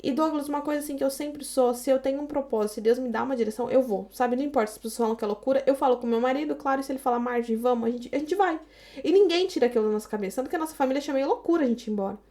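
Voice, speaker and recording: A woman's voice: sits high, rapid-fire, dark tone. A Brazilian woman in her thirties, a podcast guest telling her story casually and animatedly, acting out the dialogue she quotes. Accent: Brazilian Portuguese.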